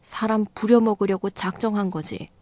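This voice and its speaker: A woman's voice: medium pitch, moderate pace, a little mellow, dry recording, lightly acted. Radio-drama mother, scolding and sulky, dry close sound read by a woman. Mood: grumbling. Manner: scolding, complaining. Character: annoyed middle-aged mother, sulky and grumbling.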